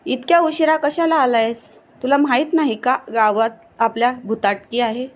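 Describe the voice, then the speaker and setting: A woman's voice: fairly high pitch, normal speed, lightly acted. A woman voicing a carefree, mischievous young village man in a storybook reading, in a casual, teasing tone.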